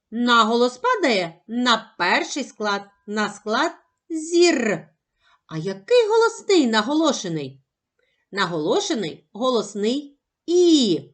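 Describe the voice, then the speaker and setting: A woman teaching a phonics lesson to young children, sounding out syllables slowly and carefully. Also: on the high side. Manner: slow, careful, over-articulated sounding out of syllables.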